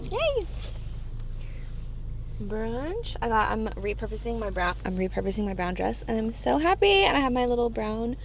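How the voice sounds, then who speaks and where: A woman's voice: fairly high pitch, lively intonation, brisk, vocal fry, hardly any pauses, a little hiss or hum. A woman in her thirties, chatting to her phone camera in a giddy, emotional vlog. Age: 30s. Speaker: vlogger. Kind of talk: casual vlog chat.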